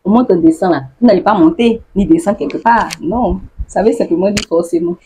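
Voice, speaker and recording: A woman vlogger who laughs often and acts out the phrases she explains in a casual, lively way. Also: medium pitch, brisk, slight background noise. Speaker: YouTuber explaining local slang.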